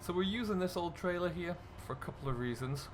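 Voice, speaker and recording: A high-pitched, animated man talks fast over a noisy background. He's a gaming video creator hosting a casual let's-play of a farming simulator, keeping up a chatty, easygoing running commentary for viewers as he plays.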